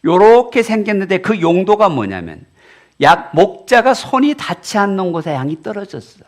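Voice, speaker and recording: Lively pastor preaching. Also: male voice, high voice, normal speed. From Korea. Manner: rises to loud emphatic peaks, then drops to quiet storytelling; asks the congregation questions and answers them himself. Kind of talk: sermon.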